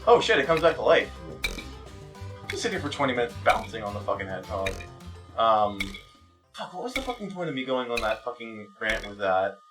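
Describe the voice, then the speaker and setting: With music in the background, a man plays a video game while swearing, mocking himself, and breaking off mid-sentence to shout at the game. He sounds very animated and a little fast, with a fairly low pitch, long pauses and a distant recording.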